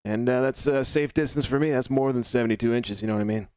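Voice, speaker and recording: A male co-host with a mid-pitched voice and dry, deadpan humor. He speaks casually and evenly. The sound is close and dry, with no room echo. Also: fast talker, clean tone. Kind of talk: casual chat.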